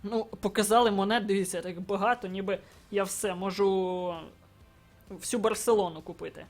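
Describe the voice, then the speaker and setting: A man commentating his own football video game match, getting excited and shouting at goals and chances. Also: high voice, moderate pace, faint music behind. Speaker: gaming YouTuber.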